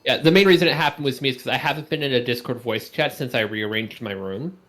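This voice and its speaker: A man's voice: mid-range voice, fast talker, a bit bright. Rambling man on voice chat. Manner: rambling, self-correcting explanations. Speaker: guest joining over voice chat. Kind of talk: casual gaming chat.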